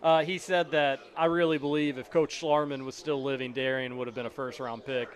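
A man hosting a sports radio show live from a racetrack, relaxed and dry, laughing easily. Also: medium pitch, brisk. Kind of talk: casual radio banter. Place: outdoor live broadcast at a racetrack.

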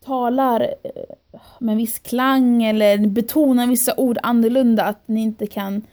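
A young woman tells a story as a podcast guest, her voice mellow and a touch high. She acts out what she and others said in the moment and slips English phrases into her talk. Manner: animated storytelling, quoting herself and others. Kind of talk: casual podcast chat.

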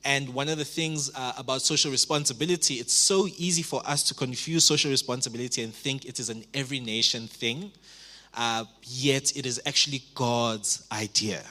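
A man's voice: medium pitch, fairly quick, sharp tone. A man in his twenties, a pastor preaching a sermon in church, earnest, with repeated phrases and many fillers. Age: 20s.

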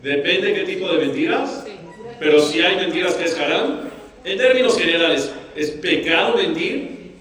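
A male rabbi teaching a Torah class and quizzing his audience with lively questions. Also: high-pitched, moderate pace, faint music behind. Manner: asks the audience questions, animated. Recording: echoey room, mic far off.

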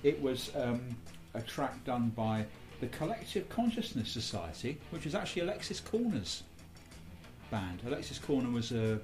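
A man's voice: medium pitch, sing-song, moderate pace, a little mellow, faint music behind. A man hosting a podcast, giving discursive, casual commentary on culture in a musing way. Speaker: podcast host.

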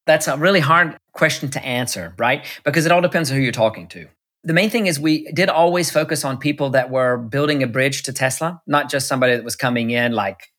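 Husky-voiced man telling stories. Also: mid-range voice, a bit bright. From United States. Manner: chatty, many restarts and fillers, acts out quoted dialogue. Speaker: interview guest, electric car executive. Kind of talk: casual storytelling interview. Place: Munich.

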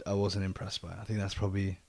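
A man with a mellow, relaxed voice talks through his thoughts in a casual discussion. He often repeats a phrase to stress it, and the recording is close and dry. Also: deep voice, fast talker, creaky, no echo.

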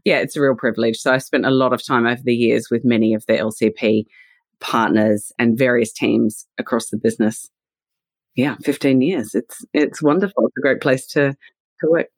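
Her pitch is extremely low and her tone steady, at normal speed with no echo. She's an Australian-accented leadership and culture consultant in her forties, guesting on a podcast in a warm, thoughtful, conversational way, laughing easily and saying "you know" often.

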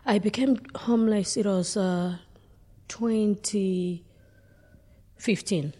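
A woman from Zambia being interviewed, speaking in a halting, hesitant way. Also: medium pitch, steady tone. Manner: halting, hesitant, soft-spoken.

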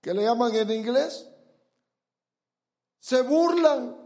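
A man's voice: extremely high pitch, expressive, slow pace, a little mellow. A man preaching a sermon, emphatic, asking his congregation rhetorical questions and acting out quoted voices.

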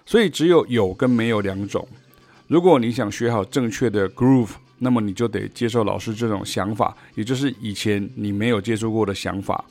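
A man's voice: on the low side, a little fast, a little mellow. Taiwanese man teaching jazz on a podcast. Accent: Taiwanese Mandarin. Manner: explains through sung rhythm syllables and examples. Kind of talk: podcast music lesson.

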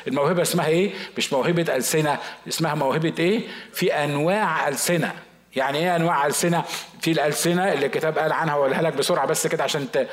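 A fast-talking pastor with an Egyptian Arabic accent and a fairly high voice, preaching a sermon. He talks conversationally and keeps putting rhetorical questions to his congregation. His voice echoes around a roomy church hall.

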